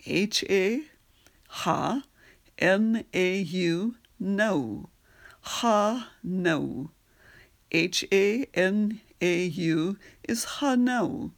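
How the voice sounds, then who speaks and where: A woman's voice: medium pitch, expressive, very slow. A woman teaching on an audio lesson, patiently spelling out words and repeating phrases. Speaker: language teacher. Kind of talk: slow audio lesson on pronunciation and singing.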